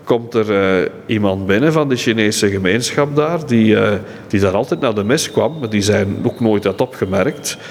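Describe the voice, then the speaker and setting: A middle-aged man with a Flemish accent, a friar guiding a tour, telling stories haltingly with many fillers and restarts. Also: fairly low pitch, slight background noise. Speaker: friar and monastery guardian. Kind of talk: guided-tour conversation. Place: indoor exhibition centre. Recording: echoey hall, faint ambience.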